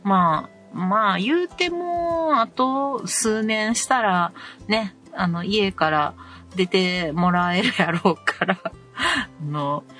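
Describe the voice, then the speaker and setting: Kansai woman from nara just chatting on her show, lots of umm and pauses, music soft in the back. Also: mid-range voice. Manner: relaxed, many fillers and pauses. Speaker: podcast host. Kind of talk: casual chat reading listener messages.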